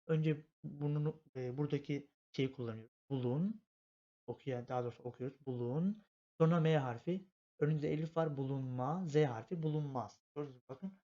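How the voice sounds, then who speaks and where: A man's voice: on the high side, brisk, mellow. Patient man teaching letter by letter. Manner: patient, repetitive, step-by-step explanation. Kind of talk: spelling out letters in a language lesson. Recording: dull lo-fi home recording.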